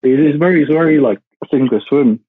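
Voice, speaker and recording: A higher-pitched young man, a law graduate in his twenties who grew up in India, speaks a little fast as he guests on a podcast from a remote call. His casual talk rambles with frequent "like." The phone-like, tinny audio carries slight background noise.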